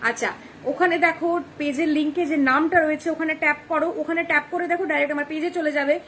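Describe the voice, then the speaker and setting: Fast-talking high-voiced young woman. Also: steady tone, fairly bright tone, a little hiss or hum. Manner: fast, chatty, keeps checking "ঠিক আছে?". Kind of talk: live-stream sales pitch. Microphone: phone camera.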